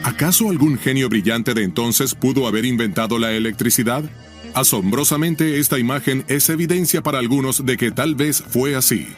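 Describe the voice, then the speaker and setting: A man delivers scripted narration in the manner of a nature documentary. His medium-pitched voice is dramatic and intriguing, leaning into questions, with music playing behind him. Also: normal speed.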